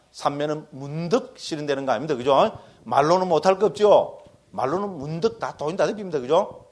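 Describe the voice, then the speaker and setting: A Korean Buddhist monk giving a dharma lecture, folksy and joking, constantly checking in with his listeners. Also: on the high side.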